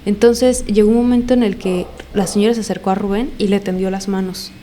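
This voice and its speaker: A woman's voice: medium pitch, steady tone, a little fast, warm tone, slight background noise. A young woman, casually telling a personal story on a podcast and acting out what people said with repeated phrases. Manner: retells events with many quoted lines, repeats phrases.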